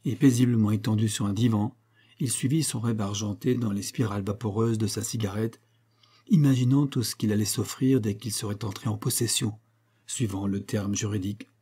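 A man narrating a detective story as an audiobook reader, measured and even. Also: lowish voice, slightly rough.

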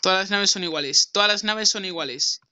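A man's voice: high voice, brisk, bright, forceful tone, slight background noise. A young man from Spain, commentating his gameplay brashly and swearing as he argues with someone off-mic. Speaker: gaming streamer.

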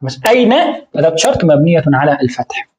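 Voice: medium pitch, sing-song, quick pace, darkish tone, lo-fi sound. A grammar teacher explaining a lesson, tossing out rhetorical questions and answering them, repeating key terms again and again.

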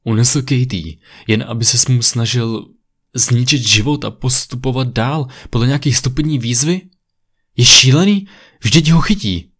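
A man's voice: mid-range voice, darkish tone, pitched above the performer's own voice, close to an everyday voice. A man reading a creepypasta, voicing an agitated young friend who talks in a raised, tense, urgent way. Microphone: USB condenser mic.

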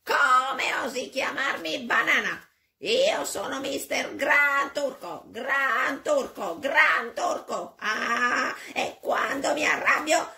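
Gran Turco, gravelly grumpy corncob. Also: expressive, takes it slowly, echoey room, exaggerated voice. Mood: indignant. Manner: shouting, bursts into squeaky pops. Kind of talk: children's puppet show.

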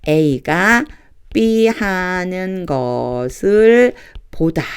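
A woman teaching a lesson on reading the English Bible, explaining grammar patiently and reading verses aloud slowly, phrase by phrase. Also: on the low side, a little mellow, clear, resonant tone. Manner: patient, repeats and breaks sentences into chunks; reads English lines very slowly and deliberately.

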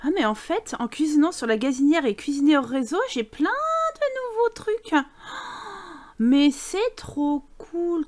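High-voiced chatty woman gamer. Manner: chatty, exasperated asides to her sims. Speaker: gaming YouTuber. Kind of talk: casual let's play commentary.

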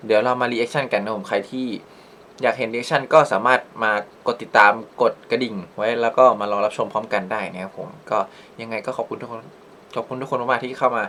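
A man's voice: mid-range voice, fairly even intonation, fairly quick, pushed and bright, a little hiss or hum. A man hosting a reaction channel, chatting casually about a performance, rambling with lots of restarts and polite phrasing.

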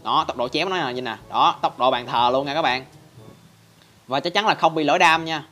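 A man's voice: on the high side, a little fast, pushed and bright. A man hosting a casual game tutorial in a chatty style, constantly addressing viewers. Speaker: Minecraft channel host.

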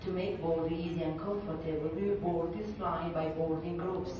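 An airport gate agent making a formal, measured boarding announcement over a terminal loudspeaker. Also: medium pitch, steady tone, crowd noise. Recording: echoey, distant, muffled PA in a noisy terminal.

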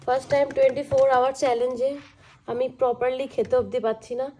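A woman's voice: high voice, little pitch movement, rapid-fire, dark tone, reverberant. A young woman with a West Bengal Bengali accent, vlogging casually from home and talking straight to her viewers. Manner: talkative, addresses viewers directly. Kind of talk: casual chatty vlog to camera. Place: at home indoors. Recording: clear background noise.

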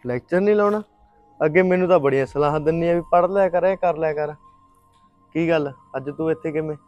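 A man's voice: on the high side, quick pace, a little mellow, dull audio, faint music behind, lightly acted. A young man in a short film playing a caring college friend who reassures her. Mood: concerned. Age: young adult.

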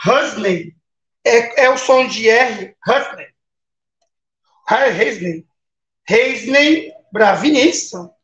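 A man's voice: very high voice, takes it slowly, a bit bright. A Brazilian man talks casually on a live stream, greeting viewers one by one and tacking little questions onto his sentences. His voice sits in a roomy space. The sound is a bit dull and muffled. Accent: Brazilian Portuguese. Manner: chatty, greets viewers by name, tag questions. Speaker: live-stream baking host.

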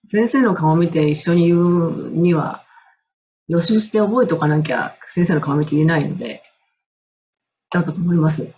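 A woman's voice: fairly low pitch, normal speed, a little hiss or hum. Middle-aged woman from Japan, English coach, casual storytelling, enthusiastic, frequent laughs, muffled lo-fi sound. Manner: animated, enthusiastic, laughs often.

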